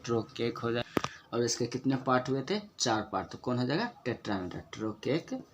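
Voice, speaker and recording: A male teacher talks through a lesson in an even, mid-pitched voice. He works methodically, poses questions and answers them himself, and draws out example words slowly to show their stress. A faint hiss sits under his speech. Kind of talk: spoken lesson on poetic meter.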